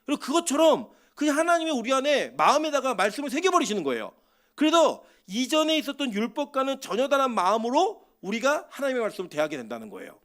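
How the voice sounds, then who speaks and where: A male pastor preaches in a church with a high, lively voice that swings widely in pitch. He speaks animatedly, firing rhetorical questions at his congregation and acting out little quotes as he goes. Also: quick pace. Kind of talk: sermon. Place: church sanctuary.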